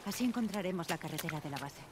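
A woman's voice: lowish voice, animated, rapid-fire, noisy background, close to an everyday voice. A woman voicing a tense, terse young survivor in game dub dialogue.

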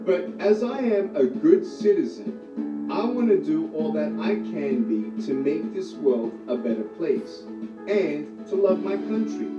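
An earnest man from Australia delivers a heartfelt motivational talk in a fairly high voice. It plays from a TV across a room, roomy and dull, with loud music underneath. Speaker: motivational speaker. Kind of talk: motivational speech. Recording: online video on TV, far, roomy, dull, with music.

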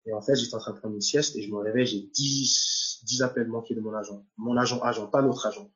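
A man's voice: fairly low pitch, fairly even intonation, quick pace, lo-fi sound, faint music behind. A young man from Nigeria, a footballer, giving a personal faith testimony with many repeated words and restarts.

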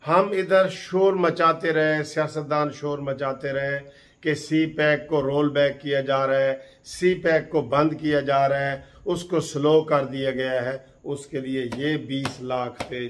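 Impassioned slow-talking male commentator. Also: mid-range voice, fairly even intonation. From Pakistan. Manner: impassioned, accusing, repeats key phrases. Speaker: political commentary host. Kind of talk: heated political commentary.

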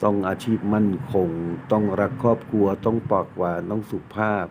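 A man's voice: on the low side, steady tone, fairly quick. A man reading tarot cards, explaining a card in a casual, blunt and joking way, swearing freely. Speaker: tarot reader. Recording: tinny phone-like sound, faint noise.

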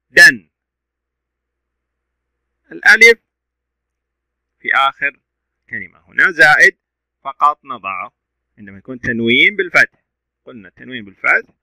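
A man's voice: on the high side, pushed and bright, no echo, poor audio. A male teacher giving a reading lesson to young pupils, sounding out syllables letter by letter and praising the children's answers.

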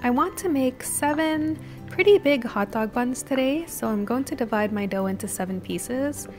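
A woman's voice: high voice, normal speed. Woman narrating a recipe over music. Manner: steady step-by-step instructional delivery. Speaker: cooking channel host.

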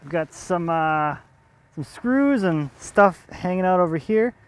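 A woodworker in his thirties narrates casually on site as he saws a log in the yard of the sawmill he runs. His high-pitched voice is smooth, unhurried, and lively in intonation, and he chuckles occasionally while thinking aloud.

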